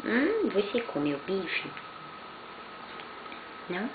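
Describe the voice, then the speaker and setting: A woman's voice: mid-range voice, wildly swooping pitch, drawn-out words. A grandmother, chatting in coaxing, sing-song baby talk to a little grandchild, full of affectionate questions. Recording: tinny, echoey, noisy home video.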